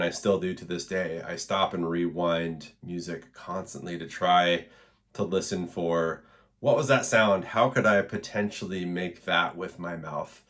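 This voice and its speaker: A man teaching an introductory vocal percussion lesson in an encouraging, relaxed way, with frequent fillers. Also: deep voice. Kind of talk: instructional video lesson.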